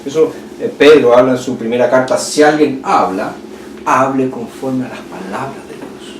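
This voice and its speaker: A man with a Chilean Spanish accent preaching a sermon as pastor, swinging from loud passionate peaks to hushed, quiet lines. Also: medium pitch, moderate pace. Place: church hall. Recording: echoey church hall, distant mic, noisy.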